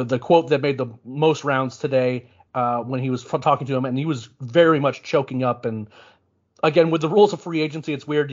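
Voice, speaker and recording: A man co-hosting a sports podcast, talking casually and thinking aloud with frequent restarts. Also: medium pitch. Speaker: podcast co-host. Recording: muffled lo-fi podcast audio.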